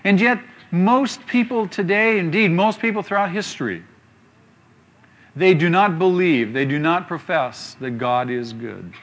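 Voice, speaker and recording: Emphatic preacher man, slightly high voice. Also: expressive, a bit bright. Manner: emphatic, with rhetorical questions and slow scripture reading. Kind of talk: sermon.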